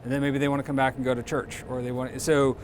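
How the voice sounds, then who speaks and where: A man guiding a cathedral visit in casual interview talk, haltingly repeating words as he explains. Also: mid-range voice, little pitch movement, a little hiss or hum. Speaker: cathedral guide.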